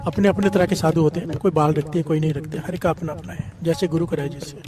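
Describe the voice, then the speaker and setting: A man's voice: a little high, steady tone, quick pace. A man preaching a devotional sermon, telling a story and often calling out a chant for the congregation to repeat. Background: devotional music.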